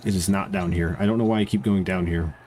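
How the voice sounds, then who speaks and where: A man's voice: low-pitched, fairly even intonation, fast, a little mellow, a little hiss or hum. A man with a congested nose giving casual, profane, joking commentary while streaming a game.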